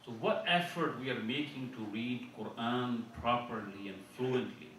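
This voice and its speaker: This sermon comes from a speaker at an Islamic conference, standing far from the mic in a heavily echoing mosque hall with a little background noise. He is a man with a mid-range, fairly bright voice. Earnest throughout, he restarts and repeats phrases and rattles off Arabic verses at speed.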